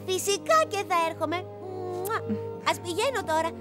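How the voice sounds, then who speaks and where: A woman's voice: extremely high pitch, animated, over loud music. An actress playing a cheerful, curious little girl in a dubbed cartoon, speaking eagerly. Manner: bright, eager. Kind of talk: cartoon dub.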